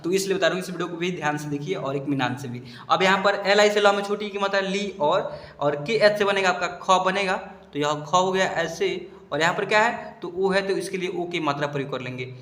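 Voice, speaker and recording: A man teaching students to read English spellings, spelling each word out slowly and asking if they understood. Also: sits high, a bit bright. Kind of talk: explaining a lesson to students. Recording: echoey room.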